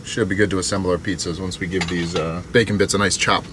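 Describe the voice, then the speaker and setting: A young man vlogging as he cooks in a small camper van kitchen, relaxed and chatty. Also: low-pitched, fast talker. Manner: relaxed, chatty, talks while cooking. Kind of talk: casual cooking vlog. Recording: noisy camper van recording.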